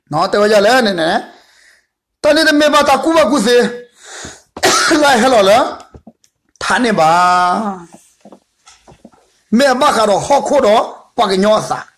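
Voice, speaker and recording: A man with a strikingly high voice leads a Bible study as its teacher. He tells the story in a loose, rambling way, circling back over the same phrases and padding them with fillers. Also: fairly bright tone.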